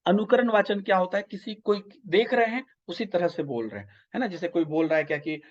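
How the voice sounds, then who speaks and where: High-voiced teacher with eastern Hindi-belt accent. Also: male voice, brisk. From north India. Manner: explanatory, keeps checking in with listeners. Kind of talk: online exam-prep lecture. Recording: slightly dull lo-fi audio.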